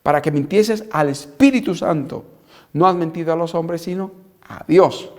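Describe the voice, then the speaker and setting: Hombre de voz algo aguda dando una clase bíblica. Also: male voice, a little high. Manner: deliberate, spells out terms slowly. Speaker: Bible instructor. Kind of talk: recorded apologetics lecture.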